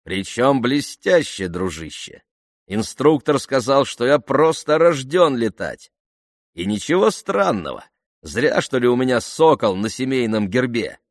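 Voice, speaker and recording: A man voicing a boastful, cheerful young male aviator who talks loudly and exuberantly. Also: on the low side, big pitch swings, moderate pace, no room sound, studio quality.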